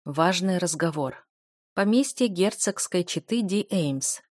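A woman narrating an audiobook in a measured, even reading voice. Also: fairly low pitch, no room sound, studio quality. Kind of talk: scripted narration.

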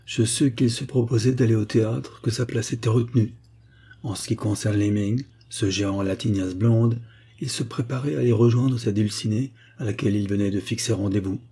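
Mellow, husky male audiobook narrator. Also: fairly low pitch, fairly even intonation, a little fast. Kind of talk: first-person novel narration.

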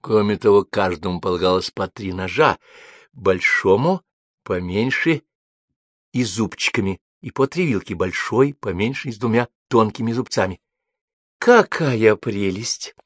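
Male narrator, low voice, wry deadpan storytelling, dry close recording. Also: moderate pace, no echo. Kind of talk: storytelling reading.

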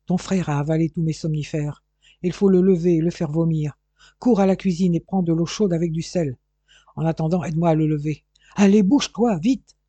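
A man's voice: fairly high pitch, fairly even intonation, a little fast, dark tone, no echo, dull audio, lightly acted. A man voicing an anxious, stern but loving father who gives urgent orders. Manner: urgent, commanding.

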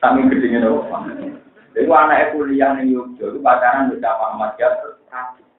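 A man with a Central Javanese accent preaching a religious lecture, telling stories in a lively way that mixes jokes and pleading. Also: medium pitch, fairly quick. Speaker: Islamic preacher. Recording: echoey, tinny lo-fi recording.

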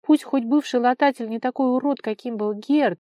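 A woman's voice: a little high, moderate pace, warm tone, dry recording. A woman reading an audiobook as narrator, telling the story expressively and dramatically.

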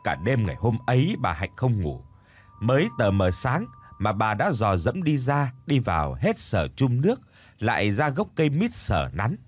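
Expressive male ghost-story narrator. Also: mid-range voice, moderate pace, husky.

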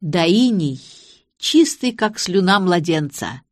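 A woman's voice: fairly low pitch, sing-song, no echo, clean studio sound, exaggerated voice. A woman reading an audiobook voices a pompous elderly man who declaims like a provincial stage actor. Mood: theatrical. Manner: theatrical, declaiming, slow.

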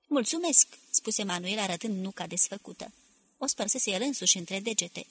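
A woman narrating a novel in a steady, measured audiobook reading. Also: medium pitch, a little hiss or hum. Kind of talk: scripted literary narration.

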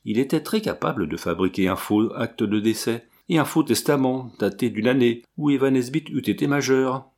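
A man's voice: medium pitch, lively intonation, normal speed, hardly any pauses, darkish tone. A man reading as an earnest wounded officer. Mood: earnest, urgent. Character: ardent young officer, wounded, earnest and passionate.

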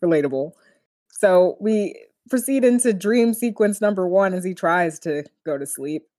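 A young woman co-hosts a casual podcast, speaking in a slightly low voice and laughing often. She is playful and acts out lines as she chats. The recording is close and dry. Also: expressive, moderate pace, dark tone, no room sound. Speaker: podcast co-host. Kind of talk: casual chat recapping a cartoon episode.

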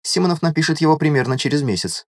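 A man's voice: a little high, expressive, fast talker, no echo, clean studio sound, pitched above the performer's own voice. A man doing a precise, know-it-all advisor. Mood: matter-of-fact. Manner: precise, lecturing.

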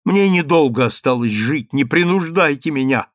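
A man's voice: fairly high pitch, lively intonation, moderate pace, no echo, studio quality, close to an everyday voice. A man voicing a young woman who pleads tearfully with her mother in a storybook reading. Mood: desperate pleading.

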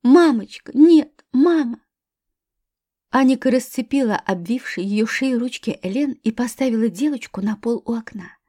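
A woman narrating a thriller audiobook with a tense, measured reading. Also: on the high side, a little mellow, no echo, studio quality.

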